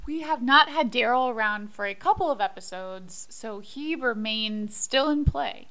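Woman cohosting a tv recap podcast, bright voice, chatty explainer. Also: on the high side, measured pace, low-quality recording. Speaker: podcast co-host. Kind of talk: casual recap chat.

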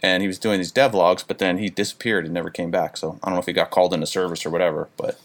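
Low-voiced man asking curious questions. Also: fairly even intonation, rapid-fire. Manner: curious, thoughtful, hesitant questions. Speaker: interviewer, podcast host. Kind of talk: casual conversation.

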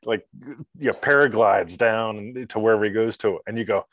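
Low-voiced man, animated storyteller. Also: a little fast, no echo. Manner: animated storyteller, acts out scenes with sound effects. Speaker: podcast guest, mentor. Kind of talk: casual podcast chat.

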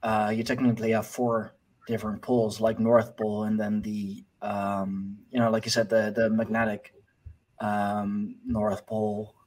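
A man's voice: lowish voice, flat delivery, a little slow, a little mellow, low-quality recording. A man hosting a casual conversation, hesitant and often trailing off as he searches for words. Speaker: podcast host. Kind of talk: casual chat.

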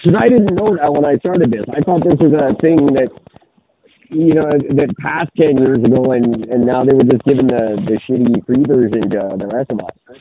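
A man chats casually on his podcast, his voice muffled as though he is talking through a sweater. The thin, phone-like sound comes with clear background noise behind him. He rambles and swears easily, often restarting his sentences. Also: mid-range voice, moderate pace. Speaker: podcast co-host. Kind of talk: casual chat.

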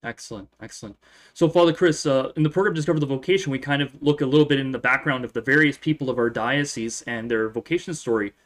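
A man who is a priest hosts an interview show. His voice sits at an ordinary middle pitch. He asks questions in a friendly, conversational way. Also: fast. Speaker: priest and program host. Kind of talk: interview hosting.

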